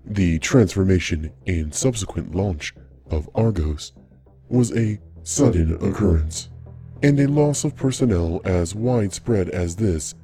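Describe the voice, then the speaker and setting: A deep metallic robot AI. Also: male voice, lively intonation, warm tone, faint music behind. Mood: coolly formal. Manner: measured, clinical, overly formal. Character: calm, formal male AI guiding a space station.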